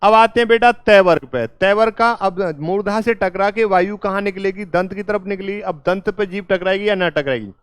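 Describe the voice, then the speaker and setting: A man's voice: high voice, moderate pace, few pauses, clear, resonant tone, dry recording. A male teacher giving a classroom lecture at a board, coaxing students with repeated quiz questions and calling them "beta". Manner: calls listeners "beta".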